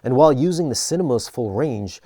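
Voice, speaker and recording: A man narrating an equipment review in a conversational but scripted, measured, explanatory way. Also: mid-range voice, expressive, mellow, no echo, studio quality.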